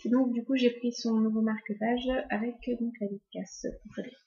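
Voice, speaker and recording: A woman's voice: fairly high pitch, level tone, brisk, dark tone, echoey room, lo-fi sound. A young woman vlogging casually, talking hesitantly with many fillers and restarts. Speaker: book vlogger. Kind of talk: casual vlog chat.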